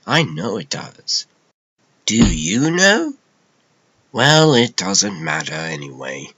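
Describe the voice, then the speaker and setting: A man voicing a gleefully sadistic, unhinged clown supervillain in a comic dub, theatrical and taunting, lurching between hushed and shrieking. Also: fairly low pitch, slight background noise, full character voice.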